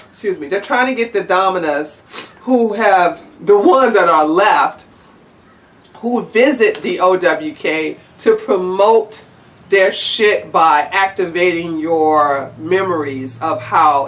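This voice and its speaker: A woman's voice: fairly low pitch, recorded from a distance. A woman vlogger ranting to the camera, blunt and sarcastic, swearing freely. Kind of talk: angry profane rant to camera.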